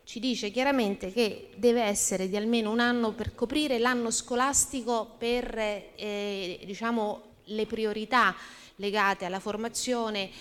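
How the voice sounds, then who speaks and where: Measured woman replying in an echoey chamber. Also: fairly high pitch, fairly even intonation, fairly bright tone, clean tone. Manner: measured, bureaucratic, hesitant fillers. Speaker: municipal councillor for a portfolio. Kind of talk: formal council reply.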